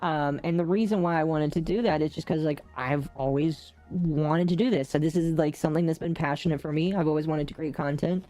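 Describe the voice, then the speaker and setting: A soft-spoken man whose voice runs through a hardware voice changer that shifts it toward a woman's, chatting casually with a guest on his stream. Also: steady tone, a little fast, hardly any pauses, soft background music. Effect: hardware voice changer shifting his pitch toward a low female voice. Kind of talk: casual chat.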